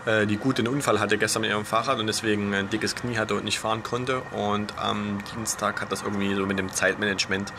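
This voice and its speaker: A young man talks in a hushed, almost whispered undertone. His voice sits fairly low and has a strong creak. He chats casually into a camera held at arm's length, outdoors with clear urban noise behind him. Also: level tone, quick pace, hardly any pauses. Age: young adult. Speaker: gaming vlogger. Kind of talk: casual vlog chat. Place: outdoors on an apartment balcony.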